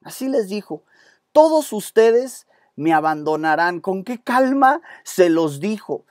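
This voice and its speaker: Intense Mexican pastor preaching. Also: male voice, high voice, takes it slowly, no echo, studio quality. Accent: Mexican Spanish. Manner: intense, animated preaching with asides to the audience. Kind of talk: sermon. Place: church set with stage lights.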